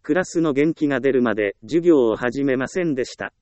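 A man reads a self-help book aloud in a steady, measured way, pausing evenly between phrases. His voice sits in an ordinary middle pitch. The recording is close and dry, with no room echo. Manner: calm, measured reading with even pauses. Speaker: audiobook narrator.

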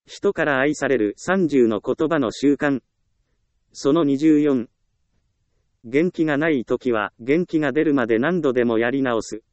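A man reads a self-help book aloud in a steady, measured way, pausing evenly between phrases. His voice sits in an ordinary middle pitch. The recording is close and dry, with no room echo. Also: highs cut off. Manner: calm, measured reading with even pauses. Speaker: audiobook narrator.

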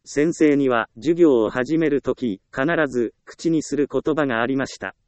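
A man narrating a self-help book in a calm, measured reading voice with even pauses. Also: medium pitch, no room sound. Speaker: audiobook narrator.

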